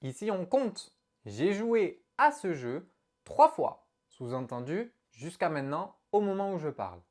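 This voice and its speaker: Speaking in a lowish voice at a slightly slow pace, a woman gives an online English lesson, animated and expressive as she explains to her viewers.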